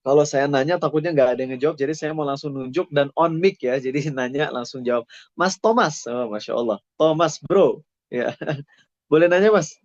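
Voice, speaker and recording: A male preacher delivers a relaxed, conversational sermon, addressing his listeners as friends and dropping in English phrases. His voice sits somewhat high. The recording is dry and dull, with a lo-fi edge. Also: no room sound. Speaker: Islamic preacher (ustaz). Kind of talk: casual sermon to a student audience.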